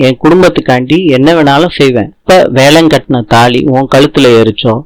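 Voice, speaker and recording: A man's voice: mid-range voice, a little fast, no echo, lightly acted, poor audio. A man reading the lines of a stern elderly father who heads the household, in his own plain voice.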